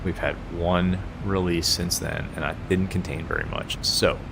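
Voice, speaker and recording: A man's voice: fairly even intonation, normal speed. A man chatting casually and informally as a flight simulator streamer. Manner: laid-back, informal. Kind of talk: casual livestream chat mixed with pilot radio calls. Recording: clear rumbling background noise.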